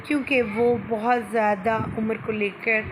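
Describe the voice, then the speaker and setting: A woman's voice: a little high, flat delivery. A woman with a Pakistani accent hosts an online video channel, narrating news in a presenter's style. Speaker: YouTube channel host. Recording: clearly noisy background.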